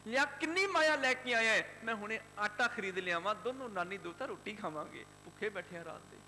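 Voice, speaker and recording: A poor, loving old grandmother , played by a preacher in his retelling pours out a fervent prayer. The voice sits high and bright, with a long hall reverb and a faint hum underneath. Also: lively intonation, brisk, faint music behind, heavily acted. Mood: hopeful.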